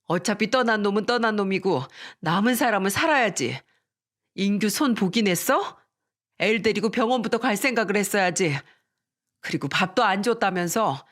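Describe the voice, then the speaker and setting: A stern older woman scolds her despairing friend, then pleads with her tenderly, a caring elder in a radio story, as a woman narrator puts her on. The voice sits at an ordinary middle pitch. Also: expressive, moderate pace, natural voice. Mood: scolding.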